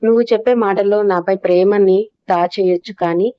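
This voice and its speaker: A man's voice: high voice, fairly even intonation, fairly quick, clean tone, dry recording, natural voice. Woman voicing a playful young man, teasing and sure of himself, storybook reading, muffled dry sound. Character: teasing confident young male student. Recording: dull dry lo-fi audio.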